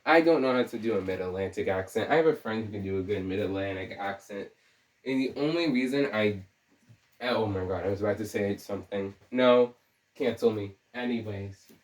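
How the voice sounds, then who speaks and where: A man's voice: fairly low pitch, brisk. A young man with a sore throat giving scattered, joking commentary, often cutting himself off mid-thought. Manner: scattered, self-interrupting, joking. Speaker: video essayist. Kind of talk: rambling casual commentary. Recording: roomy, distant from the mic.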